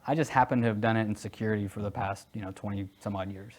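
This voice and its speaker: A man in his forties answering interview questions casually, hesitant with many fillers, and animated at times. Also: lowish voice, quick pace. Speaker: guest, security executive.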